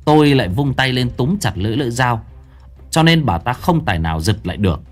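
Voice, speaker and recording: Guy narrating a spooky story, very animated, faint music behind. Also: mid-range voice, fast talker. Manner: dramatic, lively storytelling.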